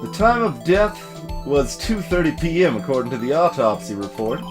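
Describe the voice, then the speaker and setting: A man voicing a gruff, folksy, bumbling male police detective in a fan-voiced game playthrough, tagging his lines with "see?". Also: a little high, animated, normal speed, lightly acted. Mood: explaining. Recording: music playing behind the voice.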